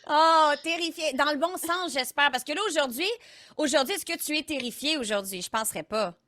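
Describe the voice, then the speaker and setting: A woman hosts a stream in a high, bright voice. She is upbeat and keeps cheering her guests on. The sound is dry and close. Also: fairly quick, dry recording. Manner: upbeat, encouraging. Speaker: host, streamer. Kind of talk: hosting a live stream.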